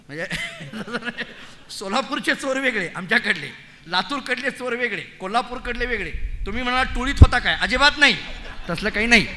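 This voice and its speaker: A middle-aged male preacher from Barshi, Maharashtra, telling a devotional story in an animated, humorous way and acting out the characters. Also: very high voice, a little hiss or hum. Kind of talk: storytelling sermon.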